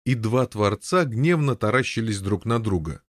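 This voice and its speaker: A man reading an audiobook aloud in a wry, measured storytelling manner. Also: lowish voice, expressive, dry recording, clean studio sound. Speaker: audiobook narrator. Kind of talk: scripted narration.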